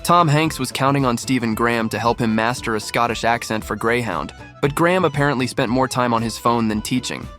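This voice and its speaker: A man reads a scripted comedy compilation in an even, upbeat storytelling tone. His voice sits at a middling pitch, and a faint music bed plays under it. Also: a little fast, few pauses. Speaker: narrator. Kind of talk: scripted narration.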